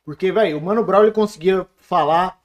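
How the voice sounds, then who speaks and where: A man, a beatmaker guest chatting in a relaxed, slangy, teasing way. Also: high voice, a little fast. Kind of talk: casual chat.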